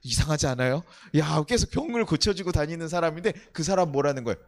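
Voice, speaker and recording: A male pastor delivers an animated sermon at a night worship service. His fairly high voice swings widely in pitch and races along. He keeps drawing the congregation in with rhetorical questions. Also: fast talker. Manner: acts out quoted voices in short snaps.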